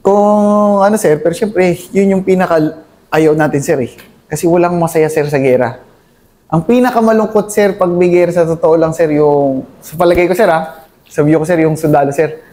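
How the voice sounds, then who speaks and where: A man's voice: a little high, moderate pace, mellow. A man from Cavite in the Philippines, an army officer, speaking earnestly as an interview guest and adding "sir" to nearly every phrase. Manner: earnest, mixes English into his talk. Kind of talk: candid interview talk.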